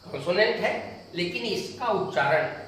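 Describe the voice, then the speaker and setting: Man, teacher, slightly high voice, deliberate repetition, faint background noise. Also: expressive, fairly bright tone. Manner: slow, repeats examples aloud with emphasis. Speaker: English teacher. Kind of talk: slow classroom lecture. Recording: echoey room, distant mic, faint noise.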